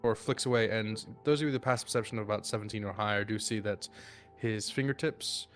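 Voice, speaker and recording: A man narrating as the game master of a tabletop game, in loose, filler-heavy narration that speeds up in sudden rushes. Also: fairly low pitch, a bit bright, soft background music.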